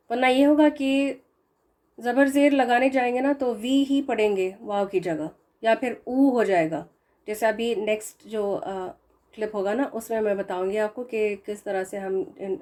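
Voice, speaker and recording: A woman teaching a recitation lesson, explaining pronunciation patiently and repeating example words slowly. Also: mid-range voice, darkish tone.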